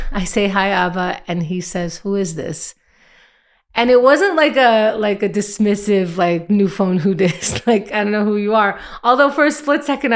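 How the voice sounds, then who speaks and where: Reflective woman, slightly low voice. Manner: reflective, halting, with many restarts and fillers. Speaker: vlogger. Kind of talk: personal storytelling to camera.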